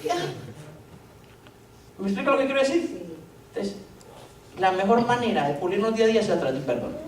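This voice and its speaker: A man's voice: high voice, animated, brisk. A man preaching a sermon as pastor, joking and telling stories with lots of rhetorical questions. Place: church hall. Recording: echoey church hall, distant mic, faint noise.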